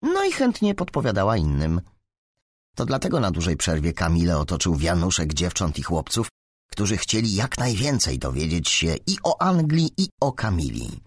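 A man narrating an audiobook in an expressive, animated reading. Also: sits low, moderate pace, slightly rough, no room sound, clean studio sound.

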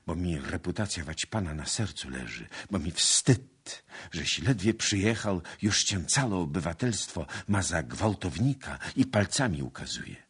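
A man's voice: a bass voice, fairly bright tone, breathy edge, heavily acted. A man voicing a stern, righteous young noblewoman in an audiobook, grave and reproachful.

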